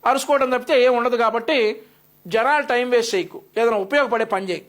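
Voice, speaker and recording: A man's voice: very high voice, fast, a bit bright. A male news commentator delivering an opinionated, scolding rebuttal with a sarcastic edge.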